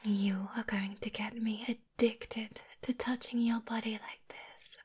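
Woman whispering as a breathy teasing succubus. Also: on the high side, little pitch movement, unhurried. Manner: soft whispering, hushing. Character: seductive female succubus, teasing and possessive. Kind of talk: whispered ASMR roleplay.

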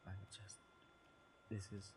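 A man playing a shy, flustered young man smitten with a friend in a romantic audio role-play, stammering, halting and apologetic. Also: noisy background, natural voice.

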